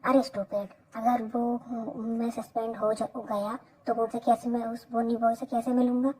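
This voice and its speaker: A woman's voice: a little high, flat delivery, normal speed, warm tone, natural voice, rough recording. A woman voicing an arrogant, hot-headed young college bad boy, brash and bossy. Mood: eager.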